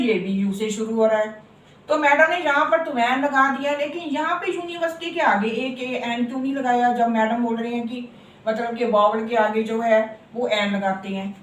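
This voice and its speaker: A woman teaching a grammar lesson. She repeats words slowly and keeps checking that her students follow. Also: high-pitched, slight background noise. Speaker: English teacher. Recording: echoey room from far off.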